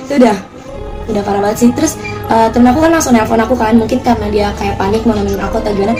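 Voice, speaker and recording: A teenage girl vlogger casually telling a story, chatty and animated, quoting other people as she goes. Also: fairly high pitch, very fast, over music. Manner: chatty, animated retelling with quoted voices.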